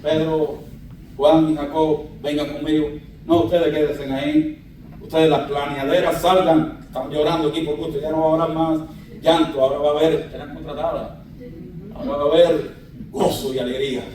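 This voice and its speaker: A preacher doing a gentle, soothing calm man. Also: fairly high pitch, normal speed, a little hiss or hum, voice pushed down, natural voice. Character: gentle, calm man comforting a grieving father. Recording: echoey church from a distance.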